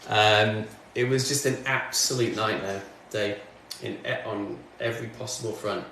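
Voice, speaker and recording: A man's voice: lowish voice, steady tone, measured pace, vocal fry, bright, forceful tone, far from the mic. Guy chatting on a stream, off mic, big echo, faint hum behind. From northwest England. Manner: chatty, answers chat comments, talks while working. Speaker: music streamer. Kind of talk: casual livestream chat. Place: home studio, in doors. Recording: very echoey room, off mic, faint background noise.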